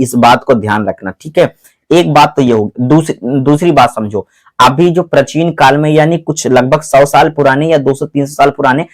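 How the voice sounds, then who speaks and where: Male tutor, mid-pitched, Hindi-accented English, drilling students with repeated questions. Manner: repeats questions back to the students, drawn-out stressed words. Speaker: English teacher. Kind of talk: classroom-style grammar lesson.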